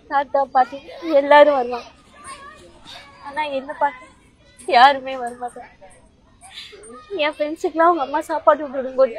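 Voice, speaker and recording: Actress as a high-voiced young girlfriend, soft and pleading, web series drama over music. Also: lightly acted. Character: tender young woman Maha, orphaned and longing. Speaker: young woman in love, college student. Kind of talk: romantic web series acting.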